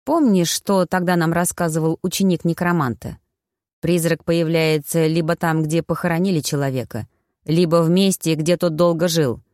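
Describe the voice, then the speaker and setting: A woman's voice: sits low, steady tone, normal speed, a little mellow, no room sound, clean studio sound, close to an everyday voice. A woman voicing a cold scheming mother. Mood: calculating. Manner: stern, calculating.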